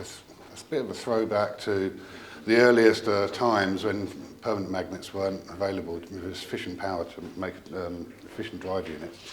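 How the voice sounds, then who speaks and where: An audio company representative with a fairly low voice walks through a piece of technical equipment informally, presenting the product. He speaks haltingly, pausing often and trailing off into asides, while noticeable room noise sits behind him.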